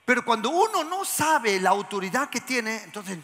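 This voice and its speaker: A pastor preaching to his congregation, moving hushed whispers to shouts and asking the crowd questions. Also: very high voice, big pitch swings, normal speed. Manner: asks the congregation questions and has them repeat lines. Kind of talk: lively sermon to a congregation. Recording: church hall with long reverb.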